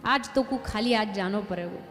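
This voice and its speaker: A woman's voice: medium pitch, moderate pace, lightly acted. A woman voicing a fiercely protective village mother with a Braj accent, stubborn and scolding. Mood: defiant. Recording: long hall reverb, faint music.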